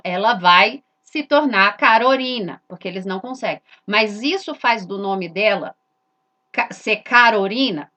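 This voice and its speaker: A woman's voice: a little high, sharp tone, highs cut off. A woman, giving an explanatory lesson that points at letters and poses rhetorical questions she answers herself. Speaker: religious teacher.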